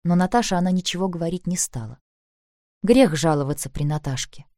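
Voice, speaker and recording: A woman narrating an audiobook in a calm, even reading voice. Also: lowish voice, a little fast, dry recording, studio quality.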